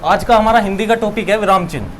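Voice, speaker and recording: A young man with a high voice teaches a classroom lesson at a fast pace, repeating each key term and asking questions that he then answers himself. A faint hiss of room noise runs behind him.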